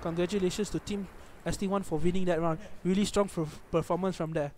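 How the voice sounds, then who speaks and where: A young man with a Malaysian accent calls a live esports match for his stream, his voice sitting high. He gets excited quickly and keeps correcting himself as he goes. A steady noisy hum runs under the whole recording. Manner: excitable, often corrects himself mid-phrase. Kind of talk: live tournament commentary.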